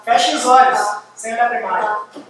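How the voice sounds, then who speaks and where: A man giving a university lecture, lively and firing quick questions at the audience. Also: very high-pitched. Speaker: guest lecturer. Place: large lecture hall. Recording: echoey hall, distant mic, faint hiss.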